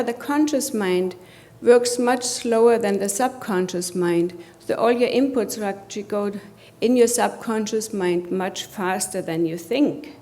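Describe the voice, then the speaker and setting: Posing rhetorical questions to her audience, a German woman speaking with a German accent delivers a motivational talk at a conference. She has a slightly mellow, medium-pitched voice.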